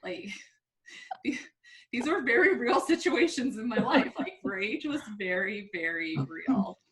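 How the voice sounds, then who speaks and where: A woman co-hosting a podcast, telling personal stories in an animated way and laughing at herself. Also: on the high side, takes it slowly, slight background noise. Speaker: podcast co-host. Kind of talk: casual podcast chat.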